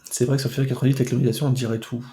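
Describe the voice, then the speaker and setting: A man chats casually over a stream of a retro football game, tossing in playful, mock-dramatic asides. His mid-range voice is mellow and soft-edged, barely shifting in pitch, and he talks very fast in a room full of echo.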